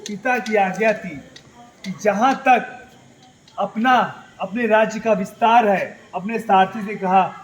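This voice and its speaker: A man teaching young schoolchildren by telling them a story, asking rhetorical questions and answering them himself, and now and then singing a line in a slow chant. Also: sits high, poor audio. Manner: sings the crowd's plea in a drawn-out chant. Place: school hall at night.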